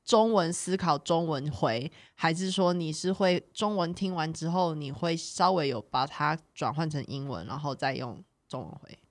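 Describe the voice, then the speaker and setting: A woman co-hosting a casual chat, animated, repeating words for emphasis and dropping in English words. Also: low-pitched, normal speed, few pauses, no room sound. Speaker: podcast co-host.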